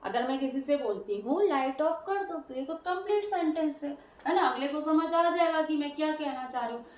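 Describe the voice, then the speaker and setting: High-voiced woman teaching grammar. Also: lively intonation, a little fast. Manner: patient, explains step by step. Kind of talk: classroom grammar lesson. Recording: roomy echo, voice from a distance.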